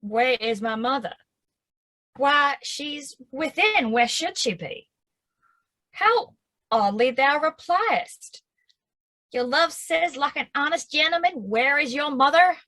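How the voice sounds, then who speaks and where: A woman's voice: sits high, expressive, slow, long pauses, a bit bright, exaggerated voice. An actress playing an impatient young girl in love with a Southern US accent, pleading eagerly in verse. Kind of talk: stage acting of verse drama.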